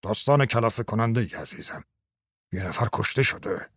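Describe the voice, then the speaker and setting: A man voicing a weary middle-aged husband who speaks quietly and heavily after a shock, in a storybook reading. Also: no room sound, clean studio sound. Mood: subdued, weary. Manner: quiet, low and heavy.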